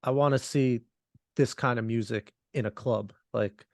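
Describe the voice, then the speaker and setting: A man co-hosting a podcast, chatting in a relaxed, rambling way and laughing often. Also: mid-range voice, a little slow, no room sound, clean studio sound. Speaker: podcast co-host. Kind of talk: casual chat.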